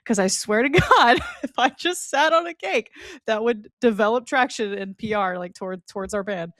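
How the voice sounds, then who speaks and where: A woman's voice: on the high side, a bit bright, dry recording. Chatty young woman, dry close sound. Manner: chatty, quick tangents, laughs. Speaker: co-host. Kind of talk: casual podcast chat.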